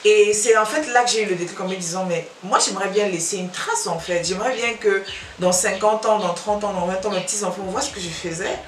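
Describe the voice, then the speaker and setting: A Cameroonian woman YouTuber chats casually to camera in a Cameroonian French accent with a Belgian touch, repeating phrases and letting them trail off. Her voice is mid-range, with slight background noise. The room is echoey and the mic sits at a distance.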